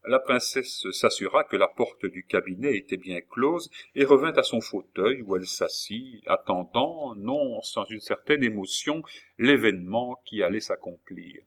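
A man reading a classic novel aloud at a steady pace, with frequent hesitation fillers. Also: on the low side, unhurried. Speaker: audiobook reader.

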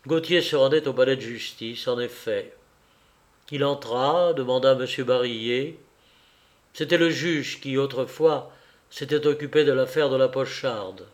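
Slow, dramatic male audiobook narrator. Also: mid-range voice. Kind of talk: reading a classic novel aloud.

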